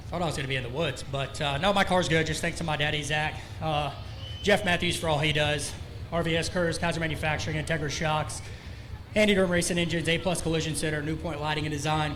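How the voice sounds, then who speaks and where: A man's voice: a little high, a bit bright, a little hiss or hum. A man who just won a race, out of breath, rambling loosely in a post-race interview with lots of fillers at an outdoor dirt track. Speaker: winning race driver.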